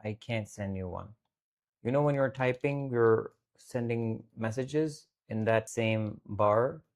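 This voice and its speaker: Gravelly man cracking jokes. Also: mid-range voice, takes it slowly, a little mellow. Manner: joking, teasing asides. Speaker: co-host. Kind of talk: casual banter on a live stream.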